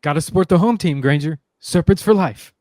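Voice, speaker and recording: A man's voice: fairly high pitch, very animated, brisk, darkish tone, no echo, clean studio sound. A man voicing a cocky, teasing teenage boy wizard in a fan voice-acting read-through.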